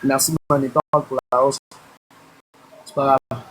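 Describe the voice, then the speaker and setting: This Québécois livestream host, from Quebec, talks informally to his audience from outside across a busy boulevard, calling out viewers by name to thank them. Faint street sounds sit in the background of his mid-range, fairly bright voice, which stays unhurried with little pitch movement.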